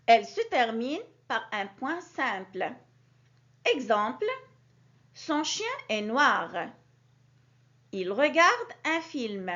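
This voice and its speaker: A woman teaching a grammar lesson to young children, with a clear, sing-song teacherly delivery that stresses key words. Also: fairly high pitch, big pitch swings, slow, long pauses, a bit bright. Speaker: primary school teacher. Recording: dull lo-fi recording.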